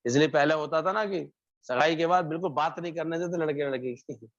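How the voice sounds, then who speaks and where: A man's voice: on the high side, fairly quick. A man giving a devotional sermon, telling a parable and repeating phrases for emphasis. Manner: storytelling, acts out characters' lines, repeats phrases. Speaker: satsang preacher. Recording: muffled lo-fi recording.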